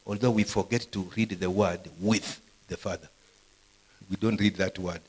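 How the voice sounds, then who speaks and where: A man's voice: low-pitched, fairly even intonation, moderate pace, darkish tone, husky, poor audio. A man preaching a live sermon to university students, quizzing the audience with questions as he goes. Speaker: pastor. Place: university gathering.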